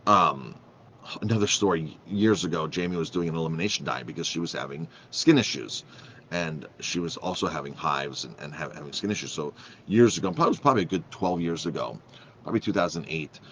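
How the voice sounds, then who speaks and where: Speaking briskly in a bright-edged bass voice, this man, who runs a restaurant and cooks, chats to the camera for his vlog. He's casual and emphatic, frequently restarting and repeating himself, over a faint hiss or hum.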